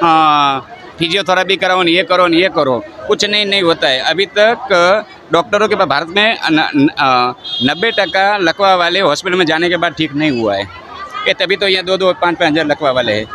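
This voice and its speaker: Man from Gujarat, faith healer, blunt and rambling, higher voice, noisy outdoor field recording. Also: normal speed. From Gujarat, India. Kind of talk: outdoor interview. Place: outdoor healing camp.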